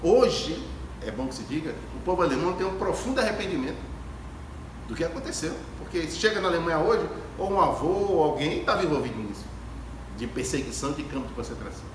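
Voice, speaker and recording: Slightly high, expressive, and quick, this man's voice carries a reflective spiritual lecture to an audience in an ecumenical hall at a Spiritist gathering. He tells stories emphatically, repeating phrases and asking rhetorical questions. A distant phone camera picked up the echoing hall along with clear background noise.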